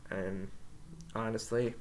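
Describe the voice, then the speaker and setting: A man's voice: lowish voice, steady tone, slow pace, a little hiss or hum. A young man co-hosting a podcast in casual chat, talking in an enthusiastic, rambling way. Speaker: podcast co-host.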